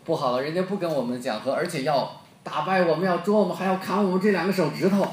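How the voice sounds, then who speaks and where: A man's voice: on the high side, fast, echoey room, a little hiss or hum, voice pushed up, lightly acted. A man with a Beijing accent playing a distraught English envoy bringing bad news. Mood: alarmed.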